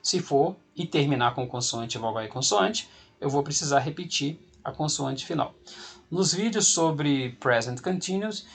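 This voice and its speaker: A Brazilian man with a husky, slightly breathy voice walks through English grammar rules in a video lesson. He explains patiently and step by step, repeating each rule so it sinks in, at a middle pitch. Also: a bit bright. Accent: Brazilian Portuguese. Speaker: English teacher.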